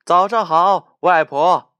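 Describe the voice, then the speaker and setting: A man's voice: sits high, slow, a bit bright, clear, resonant tone, dry recording, pitched above the performer's own voice. A man voicing seven jolly male dwarfs chanting a work song.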